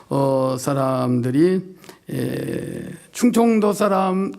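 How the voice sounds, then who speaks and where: A man's voice: high-pitched, creaky, darkish tone. A male pastor giving an evening revival sermon in a church, joking and folksy, drawing out his words and asking the congregation questions. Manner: joking, folksy, draws out words, asks the crowd. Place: church sanctuary.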